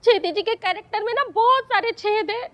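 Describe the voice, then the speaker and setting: An actress playing a melodramatic, jealous middle-aged woman in a TV sitcom, talking in a shrill, theatrical, self-pitying way. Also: fairly quick, fairly bright tone. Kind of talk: TV sitcom acting.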